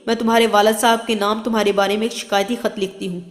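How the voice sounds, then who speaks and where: A woman's voice: mid-range voice, flat delivery, roomy sound, long reverb tail, lightly acted. A woman voicing a strict, short-tempered female schoolteacher in a storybook reading, with a harsh scolding tone. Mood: stern, scolding.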